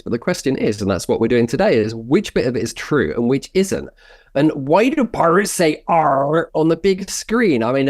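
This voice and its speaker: A man co-hosting a history show, speaking in an animated, jokey, theatrical way. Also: medium pitch, no room sound, studio quality. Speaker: co-host.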